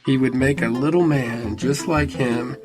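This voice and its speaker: A man's voice: medium pitch, fairly even intonation, unhurried, over music. A man in his thirties performing a personal story in a wry, conversational way, full of casual fillers.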